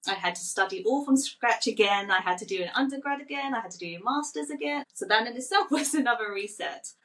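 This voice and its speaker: A woman's voice: on the high side, expressive, fast talker, fairly bright tone, far from the mic, a little hiss or hum, poor audio. A woman in her forties, from Thailand, talking casually as a guest on a podcast and telling stories with light laughs. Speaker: children's book author.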